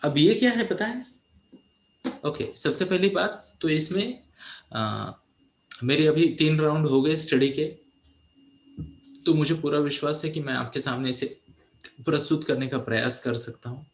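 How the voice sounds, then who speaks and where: This motivational talk comes from a man in his forties who mentors teenagers. He blends English into Hindi and keeps asking "है ना?". His fairly high voice moves at a measured pace with long pauses, and the room echoes.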